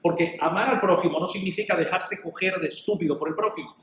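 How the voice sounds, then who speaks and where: A middle-aged male pastor preaches in a lively, conversational way, slipping into short acted exchanges to make his point. His voice sits a little high for a man. The sound rings in an echoey room over a faint hum of ambience. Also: quick pace. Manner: animated, acts out little dialogues. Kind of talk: sermon.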